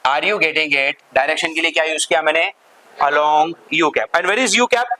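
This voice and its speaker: A man leads a physics class, explaining each step and pausing to ask whether students are following. His voice sits a little high and rings bright and forceful. He slips English terms into his teaching and keeps checking in with the room. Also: expressive, rough recording. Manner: asks the class constant check questions, mixes Hindi with English terms. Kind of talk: classroom lecture.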